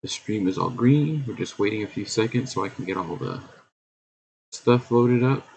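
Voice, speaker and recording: A man's voice: fairly low pitch, moderate pace, darkish tone, breathy edge, rough recording. A middle-aged man hosting his own live stream in casual chat, humming and scatting to fill the waits. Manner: chatty, hums and scats while waiting. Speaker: streamer host.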